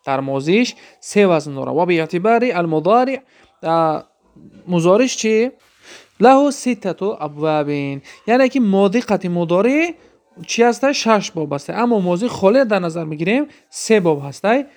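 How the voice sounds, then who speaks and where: A man's voice: sits high, expressive, a little mellow. A man teaching an Arabic grammar lesson, explaining step by step and asking and answering his own questions.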